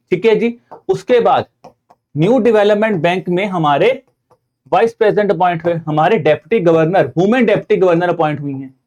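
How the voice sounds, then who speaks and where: A man with an Indian accent teaches an online exam-preparation class, his voice sitting a little higher than most men's. He explains point by point, keeps addressing his viewers as friends, and mixes English terms into his speech. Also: darkish tone. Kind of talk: online lecture.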